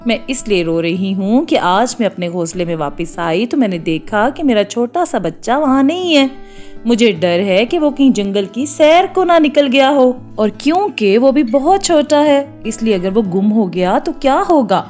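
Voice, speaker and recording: A tearful mother dove from a cartoon storybook pleads in a slightly high, mellow voice, as a woman puts her on. Her grief colors every line as she searches for her lost chick. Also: expressive, soft background music, close to an everyday voice. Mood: distressed.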